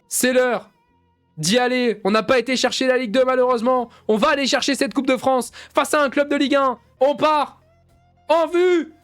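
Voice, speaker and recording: A man giving excited play-by-play commentary over a football video game, shouting out goals like a mock commentator and dropping into low mumbled asides between bursts. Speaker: gaming YouTuber.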